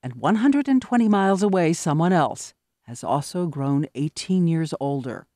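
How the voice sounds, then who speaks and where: A man's voice: fairly high pitch, lively intonation, normal speed, dark tone, no echo. Dramatic male documentary narrator. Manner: dramatic, emphatic delivery. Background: music.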